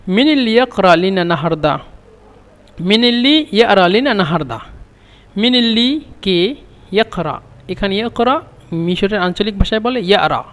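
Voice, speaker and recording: Male language teacher, high voice, repeats lines slowly and explains them, recorded in a reverberant space. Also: a bit bright. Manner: repeats phrases slowly, then translates and explains. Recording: long reverb.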